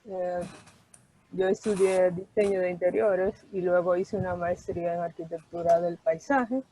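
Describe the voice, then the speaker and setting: A woman's voice: on the low side, fairly even intonation, unhurried, warm tone, a little hiss or hum. A woman from the Dominican Republic speaking on a video call, hesitant, with many fillers and restarts. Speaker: landscape architect, participant. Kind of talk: casual discussion on a video call. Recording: muffled video call audio.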